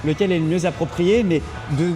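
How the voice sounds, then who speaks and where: A man's voice: fairly high pitch, a little fast, mellow, soft background music. A young French man, an expat coach, chatting casually and emphatically with many restarts. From France. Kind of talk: casual chat and home tour.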